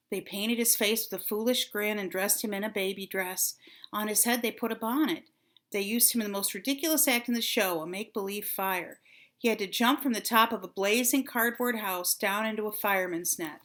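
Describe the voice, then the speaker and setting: An older woman, a grandmother, reads a children's storybook aloud with deliberate, dramatic phrasing, drawing out her words. Her voice is mid-range and a bit bright.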